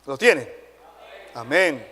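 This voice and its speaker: A man's voice: mid-range voice, slow pace, slightly rough. A man with a Dominican Spanish accent preaching a sermon to a congregation, often checking in with short questions like "right?". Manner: animated preaching, frequent tag questions to the congregation. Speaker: pastor. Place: church sanctuary. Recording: long hall reverb.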